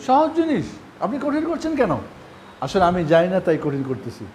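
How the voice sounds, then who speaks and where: High-voiced man drilling Arabic letters. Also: huge pitch swings, normal speed, a little mellow. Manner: patient and encouraging. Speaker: Quran recitation teacher. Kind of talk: live recitation lesson.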